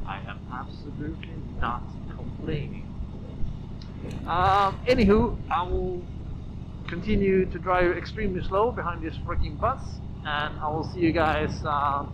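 A motovlogger with a high-sitting voice rambles casually while riding a motorcycle down a road, speaking slowly in a hesitant, halting way as he thinks aloud. The helmet audio is muffled, with loud wind, engine, and road noise.

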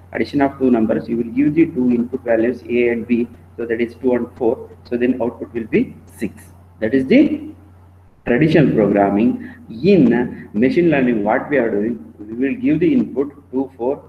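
An Indian-accented man lectures his students in an online class. He speaks at a middle pitch, halting and repeating himself as he explains. The sound is narrow and phone-like, as on a poor call connection, with noise behind the voice. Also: reverberant. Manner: halting, repetitive, often checking in with "okay". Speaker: teacher giving an online class. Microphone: online meeting call.

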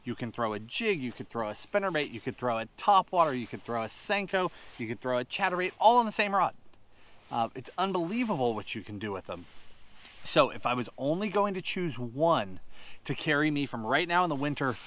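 A man in his thirties talks gear straight to the camera from a boat on a wide lake. He sounds practical and keen, and he moves quickly from one tip to the next as he handles each rod. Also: mid-range voice, sing-song, fairly bright tone. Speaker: fishing show host. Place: on a boat on an open lake outdoors.

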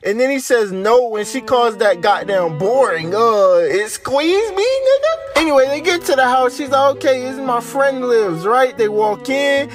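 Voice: medium pitch, normal speed, hardly any pauses. Casual recap voice, cussing and slangy, keeps saying right?, faint music behind. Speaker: anime recap narrator. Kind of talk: casual comedic recap narration.

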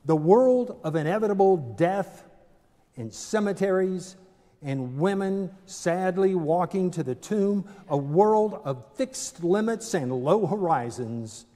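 An older man preaching a sermon from a pulpit in a large stone church, measured and deliberate with dramatic pauses. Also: sits high, expressive, mellow. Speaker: pastor. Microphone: pulpit microphone, far camera. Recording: long church reverb.

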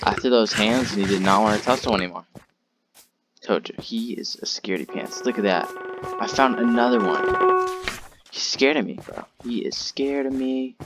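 A young man hosting a gaming channel, giving let's-play commentary in a jumpy, excitable way, yelping and trash-talking the monster. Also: lowish voice, a little hiss or hum. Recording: loud game sounds with crickets behind.

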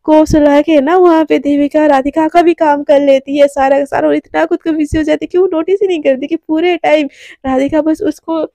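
A woman's voice: sits high, steady tone, a little fast, dark tone, no room sound. A woman narrating a romance story casually, chatty and full of fillers. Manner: chatty, with many fillers and restarts.

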